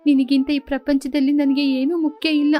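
A woman voicing a gentle young bride who lovingly scolds her younger sister, in a storybook tale. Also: high-pitched, little pitch movement, normal speed, soft background music, natural voice. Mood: tearful.

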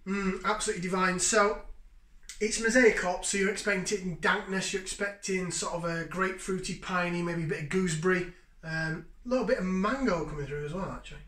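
Bright-voiced man tasting beer at home. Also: high-pitched, fairly quick. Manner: enthusiastic, savoring, chatty with sniffs and sips. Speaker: beer reviewer. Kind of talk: casual beer tasting review. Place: home kitchen, indoors. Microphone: fixed camera at table distance. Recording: echoey kitchen.

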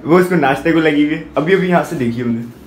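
A young man from Pakistan with a Karachi Urdu accent, vlogging at home in a chatty, excitable, teasing way. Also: on the high side, fast, a little hiss or hum. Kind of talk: casual home vlog. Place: family home indoors.

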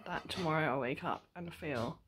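A vlogger in her twenties talks casually into her video diary, her low voice moving at a moderate pace through a very noisy recording. Fresh from dental surgery, she sounds tired and nauseous, speaking wearily through a sore jaw in a small living room or bedroom at home.

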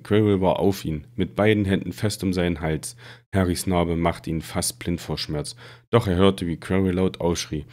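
A man reading a fantasy novel aloud in a steady, dramatic storytelling manner. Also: sits low. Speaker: reader.

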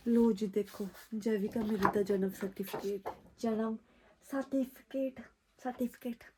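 A woman's voice: medium pitch, fairly even intonation, measured pace, background noise. A woman with an Indian Punjabi accent chatting casually in a home vlog, playful and doting, often repeating phrases as she coaxes her child. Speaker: family vlogger, mother. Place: at home, indoors.

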